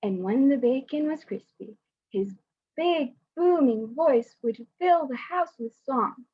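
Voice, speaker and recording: Reading a children's picture book over a dull, lo-fi video call, a young woman volunteering as a student speaks slowly in a high, breathy voice with lively intonation. Her chatting is hesitant and full of fillers.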